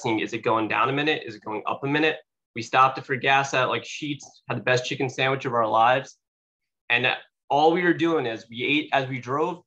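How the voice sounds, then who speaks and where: In a meeting room, a young man's mid-range, somewhat bright voice delivers a motivational talk as a guest speaker to a sales meeting. He speaks loosely with lots of fillers and a faint allergy sniffle, and the recording is dull and lo-fi.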